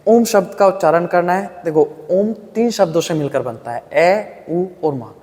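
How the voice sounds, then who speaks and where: A man teaching a yoga breathing lesson, guiding calmly and patiently step by step and demonstrating the breaths and hums aloud. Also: sits high, big-room sound. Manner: calm, patient step-by-step guidance. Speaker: yoga instructor.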